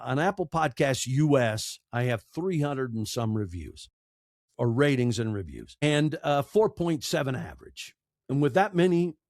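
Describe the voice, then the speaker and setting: With a medium-pitched, darkish tone, a man guesting on a podcast spins conversational, emphatic stories, asking rhetorical questions and repeating phrases. He is a broadcaster and audiobook narrator. Clean studio sound, no echo.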